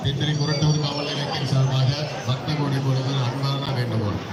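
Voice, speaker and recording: A man making formal, repeated announcements at a temple festival through an outdoor loudspeaker. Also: medium pitch, steady tone, brisk, heavy background noise. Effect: outdoor loudspeaker public address. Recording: echoey loudspeaker sound heard from a distance over a loud crowd.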